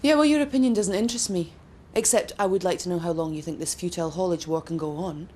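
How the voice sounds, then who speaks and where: A woman's voice: fairly low pitch, fast talker, darkish tone, breathy edge. A cool, cutting businesswoman. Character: cool, sharp businesswoman negotiating. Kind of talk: television soap drama.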